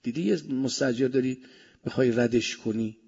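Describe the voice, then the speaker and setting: A man preaching a sermon with speech, swinging between loud emphasis and soft asides. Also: mid-range voice, gravelly, breathy edge. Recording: dull lo-fi recording.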